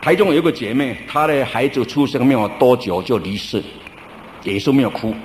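A middle-aged male pastor preaching a sermon in a relaxed, storytelling way, drawing out his sentence-end particles. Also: mid-range voice, fairly quick, slight background noise. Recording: roomy church recording with faint ambience.

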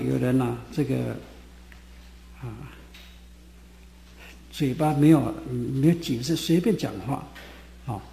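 Male preacher, mellow voice, folksy sermon with filler sounds, reverberant hall. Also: mid-range voice, slight background noise. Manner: folksy Bible teaching with many "ah" fillers. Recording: echoey hall with faint ambience.

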